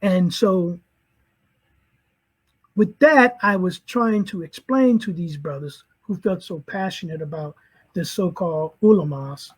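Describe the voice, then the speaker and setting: A middle-aged man from St. Louis tells his personal testimony in a husky, slightly breathy voice. He pitches high for a man and talks earnestly. He carries the story by quoting back and forth what each person said. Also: a little slow, poor audio. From St. Louis, Missouri, USA. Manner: earnest, recounts conversations in quoted dialogue. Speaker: convert telling his story.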